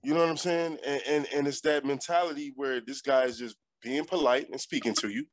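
A man's voice: medium pitch, steady tone, brisk, dry recording. A man hosting a radio talk show, jumping in with counterpoints and telling stories in a loose, casual way. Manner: argumentative, interjects, laughs often. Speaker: radio host.

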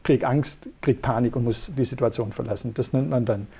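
A man's voice: medium pitch, fairly even intonation, fairly quick, gravelly, dark tone, breathy edge. A middle-aged man, a neurologist, patiently explaining in an interview. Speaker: neurologist guest.

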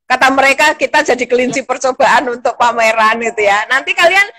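Woman, middle-aged, high voice, casual live-stream host, encouraging, filler-heavy chat. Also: fairly quick, bright, forceful tone. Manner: chatty, encouraging, with frequent fillers and small laughs. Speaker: lecturer hosting an online live talk.

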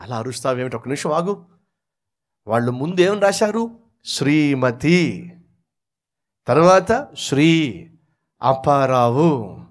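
A man voicing a calm, puzzled husband who questions his angry wife in a low voice. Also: slow pace, pauses often. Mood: bewildered.

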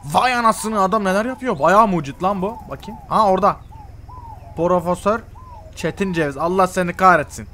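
A man's voice: high-pitched, normal speed, pushed and bright, slight background noise. A young man role-playing a game story with comic exasperation and lots of exclamations. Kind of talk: comedic game role-play commentary.

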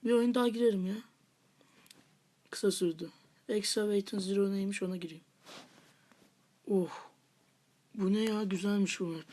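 A woman's voice: mid-range voice, steady tone, moderate pace, long pauses, mellow. A woman hosting a gaming channel, giving live gameplay commentary with half-whispered muttered asides and playful taunts at opponents.

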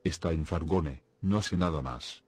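A man reading the lines of a terrified young girl who is crying and pleading, speaking softer and lower than in his narration. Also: unhurried, husky, heavily acted. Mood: sobbing, pleading. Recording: music playing behind the voice.

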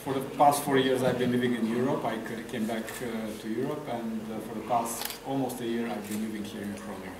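A man's voice: mid-range voice, fairly even intonation, brisk, hardly any pauses, background noise. A middle-aged man from Romania, a guest artist, talking hesitantly with many fillers at a festival table talk. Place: room with a table, audience. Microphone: table mic on stand. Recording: echoey room, far from mic.

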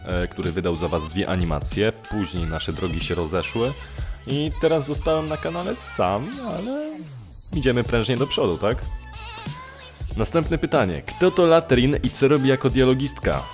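In a small room at home, a young man who makes YouTube videos and does amateur dubbing answers viewers' questions, his mid-range voice expressive and at normal speed. He hesitates, corrects himself often and swears occasionally in his informal chat. Music runs in the background, and he's recorded close up on a desktop condenser mic with a pop filter.

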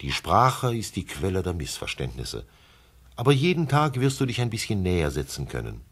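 A man voicing a wise, gentle male fox with a husky voice, speaking in a lively, heartfelt way in a classic radio play. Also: deep voice, moderate pace, full character voice. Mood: pleading, tender. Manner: lively, pleading, heartfelt delivery.

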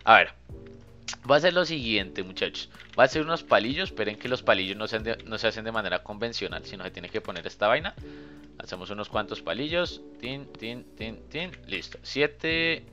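A young man, giving casual, chatty commentary while playing a game and thinking out loud to his viewers. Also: lowish voice, animated, normal speed, muffled recording, faint music behind. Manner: chatty, thinks aloud, often addresses viewers as "muchachos". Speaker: gaming youtuber.

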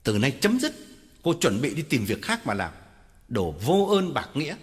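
A man's voice: medium pitch, wildly swooping pitch. A man voicing an angry, domineering middle-aged male doctor who barks at his mistress. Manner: barks orders, raised and quick. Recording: long hall reverb with guitar music.

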